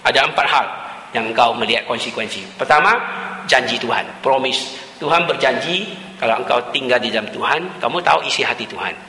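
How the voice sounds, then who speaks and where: A man's voice: mid-range voice, a little fast, pushed and bright. A male pastor preaching a sermon, slipping English words into his talk and repeating key terms. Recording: echoey hall with long reverb.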